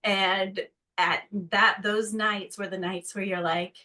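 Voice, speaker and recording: A woman's voice: medium pitch, steady tone, slow pace, pushed and bright, low-quality recording. A woman guest from North Carolina in casual conversation, chatty, acting out quotes in a put-on voice. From North Carolina, USA.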